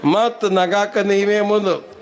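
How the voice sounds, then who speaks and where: A man's voice: high voice, fairly even intonation, slow, noisy background. A man with a North Karnataka Kannada accent doing rhyming folk stand-up comedy, telling stories and teasing his audience at a religious gathering. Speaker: comedian and mimicry artist.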